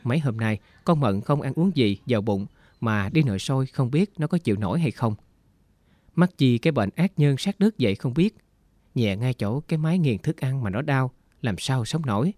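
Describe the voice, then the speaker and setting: A man narrates a story in an even, unhurried reading. His voice sits at a middle pitch for a man. The sound is dry and close, with no room echo. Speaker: audiobook narrator.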